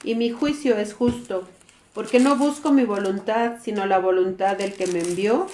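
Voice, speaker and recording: A woman's voice: medium pitch, normal speed, a little mellow, reverberant. A woman in the congregation who reads Bible verses aloud and answers the pastor with amens. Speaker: scripture reader in the congregation.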